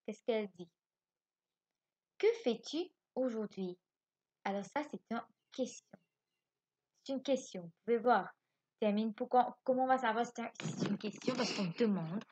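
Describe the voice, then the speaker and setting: Patient Mauritian French schoolteacher. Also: female voice, a little high, a little mellow, husky, poor audio. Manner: slow, patient explaining with frequent checks for understanding. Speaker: primary school teacher. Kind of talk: recorded remote lesson. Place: home.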